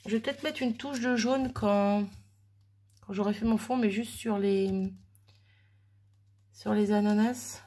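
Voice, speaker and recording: With an oven running in the background of her home craft room, a crafter talks through a mixed-media project in casual tutorial style, chatty and self-deprecating as she thinks aloud. Her medium-pitched voice is warm and steady, a little slow, with long pauses.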